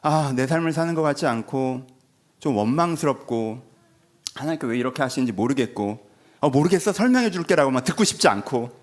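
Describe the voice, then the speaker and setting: A man's voice: mid-range voice, brisk. A male pastor giving a Sunday sermon in a conversational way, often asking the congregation questions and acting out dialogue. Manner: animated, conversational, acts out quoted dialogue.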